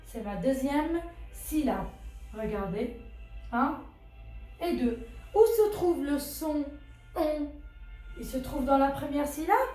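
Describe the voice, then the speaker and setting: A woman's voice: sits high, animated, slow, long pauses, a little mellow. A woman teacher patiently walking children through a phonics exercise, repeating words and asking questions as she goes. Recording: very echoey room with faint music.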